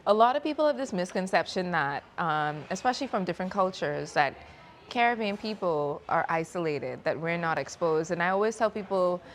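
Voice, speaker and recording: A Bahamian woman hosts a relaxed interview, her voice a little lower than most. She talks in a playful, easygoing way and laughs often. Faint noise hums behind her. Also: fairly quick. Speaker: podcast host. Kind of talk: casual interview chat.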